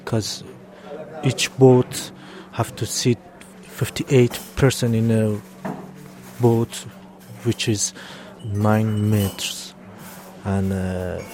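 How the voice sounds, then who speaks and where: A man in his twenties from Afghanistan, speaking English as a second language, telling his story slowly and haltingly with many pauses. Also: fairly low pitch, flat delivery, a little mellow. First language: not English. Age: 20s. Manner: slow, hesitant, with fillers. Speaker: interviewee. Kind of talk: halting personal account.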